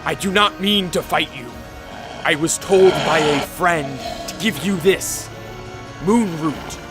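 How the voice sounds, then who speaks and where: A man's voice: fairly high pitch, slow, music in the background. An actor playing a solemn, wary vampire count in a radio drama, earnest and formal in his wording. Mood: pleading, earnest. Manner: formal, stiff wording, dry grumbling.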